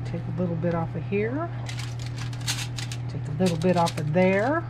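In her home kitchen, a home cook vlogger films herself on a handheld phone, casually walking through a recipe as she cooks. Her lowish voice is very animated and moves at a moderate pace, and she chats her way through every step. Noise fills the background of this easygoing cooking demonstration.

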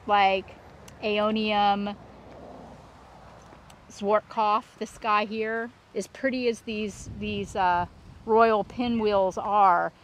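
A woman with a fairly high voice gives a casual outdoor tour as host. She talks in an excited, gushing way, full of exclamations. Some ambient and vehicle noise sits faintly behind her. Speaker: landscape designer hosting a plant tour. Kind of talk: casual walk-through vlog narration. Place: outdoors at a plant nursery.

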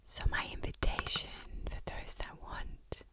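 A middle-aged woman whispering softly and breathily into a close microphone, giving a soothing, mystical fortune-teller style ASMR tarot reading with long pauses. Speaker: ASMR tarot reader and energy healer. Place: indoors, close in front of a hanging tapestry. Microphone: desktop condenser microphone, very close.

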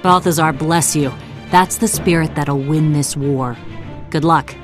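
A woman's voice: deep voice, slow, soft background music. An actress playing a stern female sergeant in a video game, firm and commanding.

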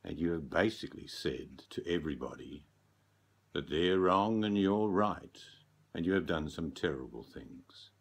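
A man voicing a solemn talking raven who is Death, passing judgement slowly and portentously in a storybook tale. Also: low-pitched, lively intonation, full character voice. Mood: accusing. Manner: slow, portentous, accusing. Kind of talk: storybook character voice.

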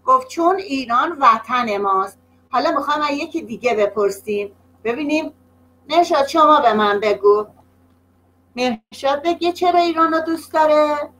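A woman teacher leading an online class for young children, slow and patient, drawing words out and praising often, heard over a video call. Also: high voice, expressive, fairly bright tone, rough recording. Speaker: primary school teacher.

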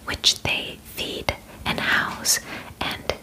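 Here a woman of about twenty-something plays a matter-of-fact alien medical examiner, courteous and formal, in a whispered ASMR roleplay. Her voice is soft and breathy, the wording halting and measured with brief pauses. The setting is a small indoor bedroom, and the recording is low quality.

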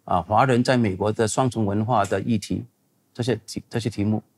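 Husky older man, pastor answering questions. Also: on the low side, steady tone, fairly quick. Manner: conversational, digressive, emphatic. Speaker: pastor and seminary teacher.

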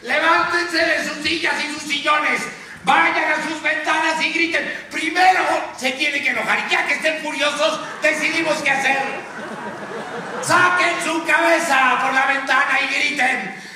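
A man's voice: very high-pitched, moderate pace, bright, forceful tone, slight background noise, heavily acted. A raging veteran newsman. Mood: shouting, furious. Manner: impassioned ranting monologue, exhorting the audience. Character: veteran male TV news anchor, furious ranting prophet. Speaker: stage actor. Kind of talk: live stage drama. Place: large theater stage, live performance. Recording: echoey theater from far off.

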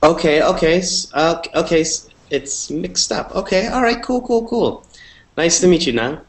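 Lively upbeat male teacher. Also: a little high, moderate pace. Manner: upbeat, repeats short phrases. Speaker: English teacher. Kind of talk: online class introductions. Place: indoor room, video call. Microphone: earphone headset mic.

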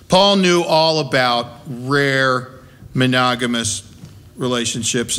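A medium-pitched, slightly bright male voice carries a sermon from a middle-aged or older American preacher, conversational but forceful and peppered with rhetorical questions. He speaks at a pulpit in a small wooden-walled church through a gooseneck mic.

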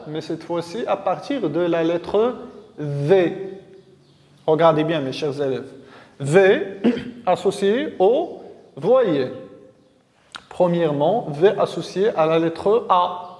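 A man teaching a reading lesson to young pupils, drilling syllables slowly and repeating each one. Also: high voice, lively intonation, a little mellow, long reverb tail. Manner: slow, syllable-by-syllable drilling with repetitions. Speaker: primary school teacher.

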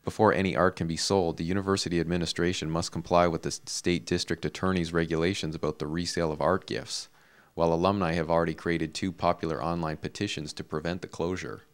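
A male reporter narrates a local news story in a measured, even way. His voice sits very low. The reading is scripted and steady.

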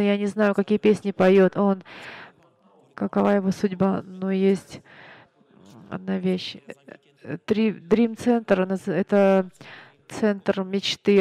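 A man preaching a sermon, telling stories in an earnest, halting way with frequent restarts. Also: sits high, a little mellow, no echo. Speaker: pastor. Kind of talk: sermon storytelling.

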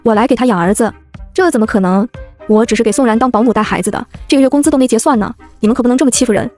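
A woman's voice: on the high side, rapid-fire, a little mellow, faint music behind, close to an everyday voice. A woman reading the lines of a worried hired nanny pleading over the phone in a web-novel audiobook. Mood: anxious. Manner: anxious, pleading.

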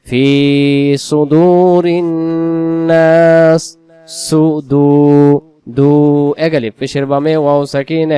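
A man teaching correct pronunciation word by word, drawing out slow syllables and repeating each word. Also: a little high, mellow, smooth, no echo. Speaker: Quran recitation teacher.

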